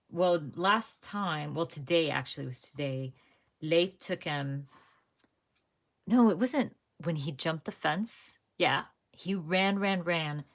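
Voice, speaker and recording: Hosting a crafting livestream, a young woman chats and rambles with her viewers in a voice that sits low. She often stops to correct herself mid-sentence.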